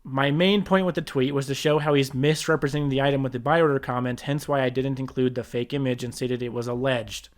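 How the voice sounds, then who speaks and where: A man's voice: medium pitch, steady tone, a little fast, hardly any pauses. A man reacting to a video about himself, rebutting it point by point in a defensive, exasperated way and often restarting his sentences. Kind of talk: reaction commentary.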